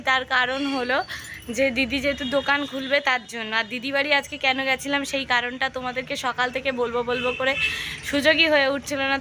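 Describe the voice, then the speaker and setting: A woman's voice: high voice, noisy background. A young woman chatting casually to her viewers in a daily home vlog, filmed on a phone. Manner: chatty, addresses viewers directly. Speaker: vlogger. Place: at home indoors. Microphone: phone camera held by hand.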